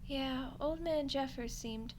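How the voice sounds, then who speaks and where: In an ASMR audio roleplay, a woman voices an undead skeleton girl, using a fairly high voice and a slow delivery. Lonely and friendly, she rambles casually and awkwardly right at the listener, sounding apologetic yet hopeful. Clear background noise surrounds her.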